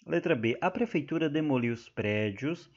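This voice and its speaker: A man with a Brazilian accent explaining an exam-prep grammar lesson, slowly and patiently, drawing out the example words. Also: medium pitch, animated, highs cut off. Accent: Brazilian Portuguese. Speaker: teacher.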